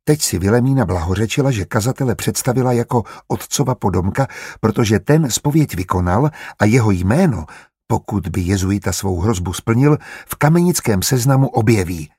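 A male narrator reads a story aloud in a measured, even way. His voice sits on the low side with a husky grain. The recording is close and dry. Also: dry recording. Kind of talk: audiobook narration.

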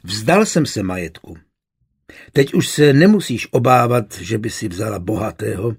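A man's voice: on the low side, expressive, gravelly, breathy edge, exaggerated voice. A man voicing an earnest young suitor who speaks with determination, in a storybook reading. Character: young man pleading for his beloved.

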